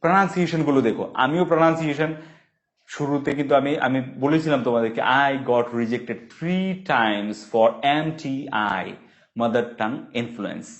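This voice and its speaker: Bengali guy teaching english, slow drilled phrases, kinda dull lo-fi sound. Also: medium pitch. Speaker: English tutor. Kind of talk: bilingual spoken English lesson.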